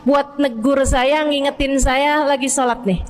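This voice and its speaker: A woman's voice: high-pitched, fairly even intonation, measured pace. A woman preacher voicing an earnest, devout early caliph, an older man giving pleading instructions. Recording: long hall reverb.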